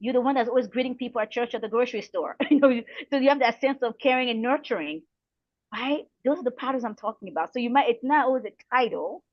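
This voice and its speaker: Speaking quickly in a voice on the high side, this coach and counselor from the Republic of the Congo gives encouraging, earnest motivational advice as an interview guest. She's middle-aged and repeats phrases for emphasis, and the audio is dry with the highs cut off.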